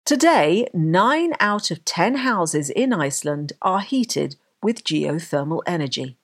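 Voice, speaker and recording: A woman narrating a documentary script with a husky voice. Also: fairly low pitch, big pitch swings, takes it slowly.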